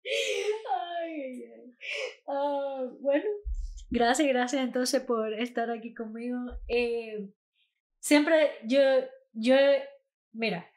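Woman podcast host; slightly high, unhurried, halting speech with fillers and words mixed in. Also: darkish tone. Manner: hesitant, with fillers and mixes in English words. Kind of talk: casual podcast interview.

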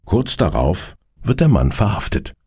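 Very deep, gravelly male storyteller. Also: sing-song, a little slow, a little mellow. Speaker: narrator. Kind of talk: scripted storytelling for children.

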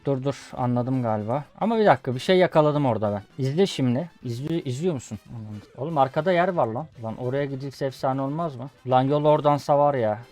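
A man's voice: medium pitch, quick pace, hardly any pauses, darkish tone, faint music behind. A young man commentating his own gameplay in a casual let's-play, swearing at the game and telling viewers to watch. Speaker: gaming YouTuber. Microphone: desk USB condenser microphone.

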